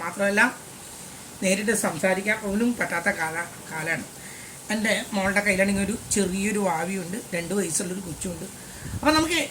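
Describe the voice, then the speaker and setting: A man's voice: sits high, fairly bright tone, slight background noise. An older man, a maths teacher, giving a lesson as a chatty, digressive personal story and slipping in English phrases.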